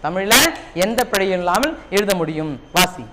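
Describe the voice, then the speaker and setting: A man's voice: sits high, moderate pace, crowd noise. A man teaching a Tamil class with a Tamil Nadu accent, repeating key points and quizzing his students. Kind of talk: classroom lesson. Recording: noisy classroom recording.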